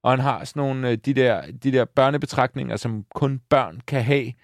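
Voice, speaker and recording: A man's voice: medium pitch, steady tone, dry recording, studio quality. A man in his thirties talking casually on a podcast, rambling with many restarts and telling stories about his young son. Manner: rambling, self-correcting, fond of his son. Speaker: podcast co-host. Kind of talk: casual chat.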